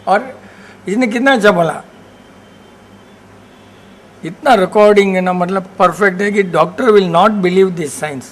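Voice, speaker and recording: A man's voice: high voice, slow pace, pauses often. A man leading a group session, chatting informally in mixed Hindi and English. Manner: informal, mixes Hindi and English, laughs easily. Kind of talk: casual group talk.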